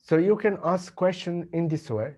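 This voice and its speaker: A man with a Bangladeshi accent teaching English, slowly repeating example questions and answers. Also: sits high, lively intonation, warm tone. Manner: slow, deliberate repetition of example sentences. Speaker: English tutor. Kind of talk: language lesson with model dialogues.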